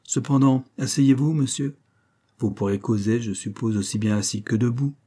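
A man voicing a stern, sharp-tongued middle-aged mother with a dry, scolding manner. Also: medium pitch, moderate pace, husky, close to an everyday voice. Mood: wry.

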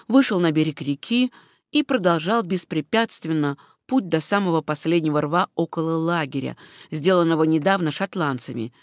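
An audiobook narrator reading a historical adventure in a steady, measured way. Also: mid-range voice, dry recording, clean studio sound. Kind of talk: scripted narration.

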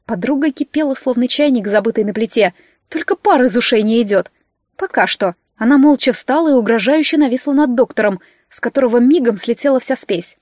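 A woman narrating a first-person audiobook in a wry, lively storytelling manner. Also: a little high, fairly quick, no room sound, muffled recording.

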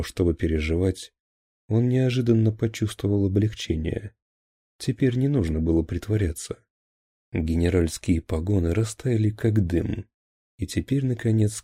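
A man narrates an audiobook in a low, very dark voice with a husky grain. His reading is measured and grave, recorded close and completely dry. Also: no echo.

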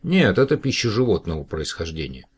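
A man reading aloud and voicing a lively, exclaiming young woman in a children's story. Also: low voice, brisk, husky, heavily acted. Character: young woman computer operator, emotional.

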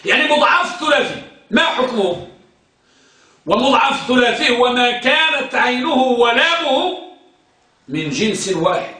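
Teacher guy quizzing his class over and over, high sharp voice, far from the mic. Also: big pitch swings, moderate pace, pauses often. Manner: drills students with repeated questions and answers. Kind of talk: classroom grammar lesson. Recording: echoey room, mic far off.

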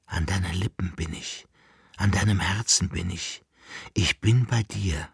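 A man's voice: low voice, measured pace, gravelly, breathy edge, dry recording, clean studio sound, exaggerated voice. A man voicing a melancholy old emperor who muses tenderly and calls after a lost love, in a radio reading. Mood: yearning. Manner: musing, yearning, then calling out.

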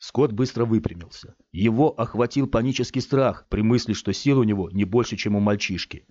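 A man's voice: lowish voice, moderate pace, darkish tone, no echo. A man reading an audiobook story aloud as narrator. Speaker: audiobook reader. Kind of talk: scripted narration. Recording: dry, slightly muffled.

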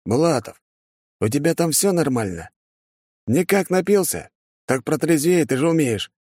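Male reader playing a laid-back noble friend, calm and offhand, a bit higher, dry mic. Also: normal speed, dry recording. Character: easygoing young nobleman friend, calm, laconic.

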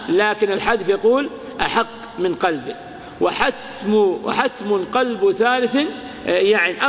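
A man teaching grammar to a class, repeating key words and quizzing his students with quick questions. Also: sits high, a bit bright. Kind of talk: classroom lecture explaining a grammar text. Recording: long hall reverb.

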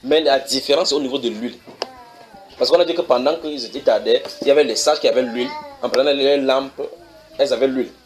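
A man preaching in a church, reading scripture verses slowly and then explaining them, often asking his listeners whether they follow. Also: medium pitch. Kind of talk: sermon teaching.

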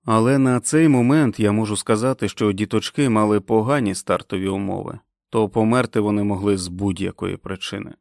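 A man playing a calm, kindly doctor who speaks in a measured, reassuring way. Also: on the low side, gravelly, dry recording, clean studio sound.

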